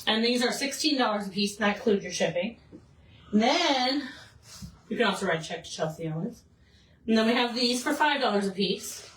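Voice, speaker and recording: A woman's voice: fairly high pitch, expressive, a little fast, fairly bright tone, a little hiss or hum. Woman host, teasing and chatty, recorded far off in an echoey room. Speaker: cooking show host. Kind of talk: casual chat. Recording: distant roomy kitchen recording.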